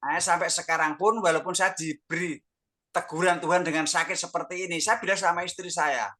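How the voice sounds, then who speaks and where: A man's voice: on the high side, steady tone, fairly quick, sharp tone. An older man, earnestly telling his personal testimony with lots of quoted dialogue. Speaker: testimony guest.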